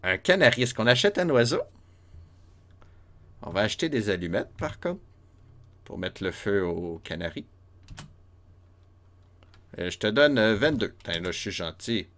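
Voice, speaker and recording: A man's voice: fairly low pitch, very animated, normal speed, long pauses, a bit bright. A man with a Quebec French accent giving casual, chatty commentary while playing an old role-playing game, laughing often and talking to his chat. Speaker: streamer playing a retro RPG. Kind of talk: casual let's-play commentary.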